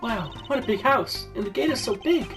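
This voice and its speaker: A man voicing an excitable teenage girl magician while reading a game aloud, over music. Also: extremely high pitch, fairly quick, voice pushed up. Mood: chirpy. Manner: bubbly, excitable. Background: background music.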